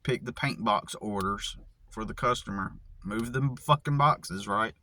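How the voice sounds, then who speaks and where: A man's voice: lowish voice, a little slow, sharp tone, a little hiss or hum. An American man in a casual vlog, ranting angrily and profanely with many restarts. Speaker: vlogger.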